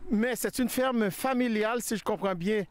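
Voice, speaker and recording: A man reporting and interviewing on location, speaking in halting, hesitant phrases. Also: sits high, a little hiss or hum. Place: outdoors on a farm.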